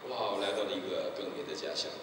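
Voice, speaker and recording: A man's voice: low-pitched, rapid-fire, a bit bright. A middle-aged man preaching an evangelistic sermon, telling his story vividly and acting out the people in it. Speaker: pastor. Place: church sanctuary. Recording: echoey hall, distant mic, noisy.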